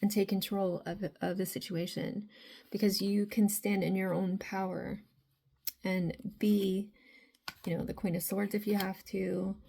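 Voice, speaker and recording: Unhurried and rambling, a woman guides her viewers through a tarot reading in a mellow, raspy tone. Filler phrases crop up constantly as she meanders, and her pitch holds steady within a tight range.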